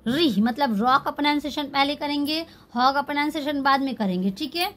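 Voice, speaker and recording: A woman's voice: sits high, fairly quick, fairly bright tone. A woman teaching a language class, patiently spelling out words syllable by syllable and repeating each one. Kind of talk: slow spelling-out lesson.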